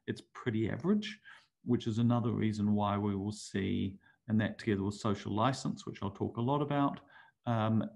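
A middle-aged conference speaker with a New Zealand accent talks through webinar slides in a mid-range, darkish voice. He's hesitant, restarting often and using lots of fillers.

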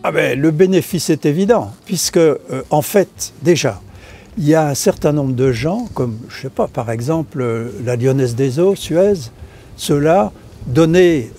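An older Frenchman with a mellow, somewhat high voice explains how a restoration was funded, speaking as a member of the association. It's a casual outdoor interview on the balcony of a stone chapel tower, and he hesitates a lot, full of fillers and restarts.

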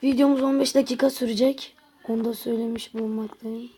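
Lady narrating her game, high husky voice, keeps moaning about losing. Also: fairly even intonation, fast talker, dark tone. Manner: grumbling, exasperated running commentary to viewers. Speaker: gaming channel host. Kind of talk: casual gameplay commentary.

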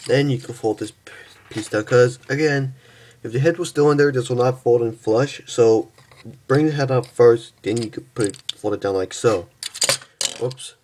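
A young man casually reviewing and transforming a toy figure, halting and stumbling over his words, tired from just waking up. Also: mid-range voice, a little mellow, slight background noise. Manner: halting, stumbles and restarts often.

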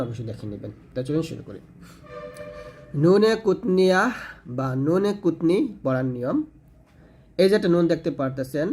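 A man's voice: fairly high pitch, darkish tone, a little hiss or hum. A man teaching Quran reading rules in a patient tutorial, repeating points and demonstrating recitation. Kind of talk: explanatory tutorial lesson.

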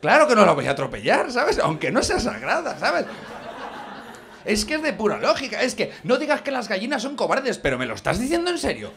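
A man's voice: high-pitched, huge pitch swings, fairly quick, gravelly, a crowd in the background. A man from Spain doing a stand-up monologue in a club, rambling and exasperated, peppering his lines with "¿sabes?". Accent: Spain Spanish. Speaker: stand-up comedian. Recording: audience laughter in the room.

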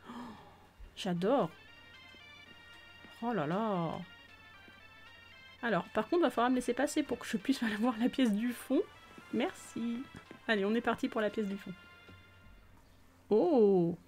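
A woman gushes casually while touring viewers' islands for her gaming video, exclaiming often and sometimes sinking almost to a whisper. Her slightly high, somewhat mellow voice is unhurried and full of pauses, with faint music underneath.

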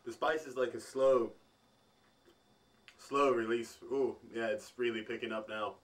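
A man vlogging as he tastes food, talking in halting bits while he thinks aloud between bites. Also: medium pitch, fairly even intonation. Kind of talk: food tasting vlog.

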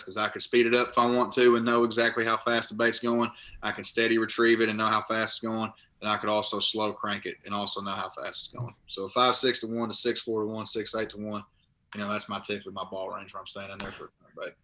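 Talking fast in a lowish, flat, bright, forceful voice, this young Kentucky man is a guest in a casual interview. He is a college linebacker and bass angler calling in from his living room on a laptop webcam, rambling and restarting phrases as he explains.

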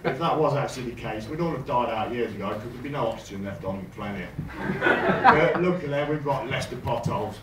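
A man's voice: medium pitch, fast talker, hardly any pauses. A man performing amateur stand-up comedy to an audience through a stage microphone, with laughter from the crowd. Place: dark comedy venue with an audience. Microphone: handheld stage microphone, filmed from the audience. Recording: distant, echoey, noisy audience camcorder recording.

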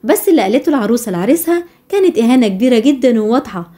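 A woman's voice: a little high, lively intonation, rapid-fire, dark tone. A woman with an Egyptian accent reading a dramatic gossip news voice-over. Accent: Egyptian Arabic. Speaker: news narrator.

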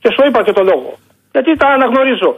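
A man's voice: extremely high pitch, very animated, creaky, slightly rough. A Greek man calling in to a sports radio show over the phone, insistent and repetitive as he argues his point. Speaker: caller. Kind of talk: call-in radio debate. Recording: phone line.

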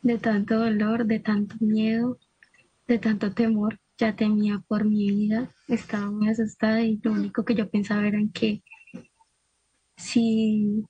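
A woman's voice: medium pitch, completely flat delivery, dark tone, husky, no echo, highs cut off. Shaken woman giving testimony. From Colombia. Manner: halting, repeats phrases in quick strings. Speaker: interviewee. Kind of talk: recounting a personal testimony.

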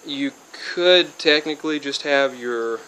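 A young DIY hobbyist, in his twenties and a bit sick and spacey, talks through a casual how-to. He's outdoors by a car before moving under a metal-roofed shed. He uses a medium pitch and measured pace, rambling with a flat delivery, lots of fillers, and frequent restarts, over slight background noise.

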